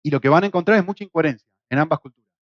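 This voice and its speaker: A middle-aged Argentine man teaching a Bible course, lecturing lively and acting out quoted voices. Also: on the high side, racing, dry recording, highs cut off. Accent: Argentine Spanish. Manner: lively, acts out quoted voices with shouts and jokes. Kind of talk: classroom lecture. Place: classroom in Spain.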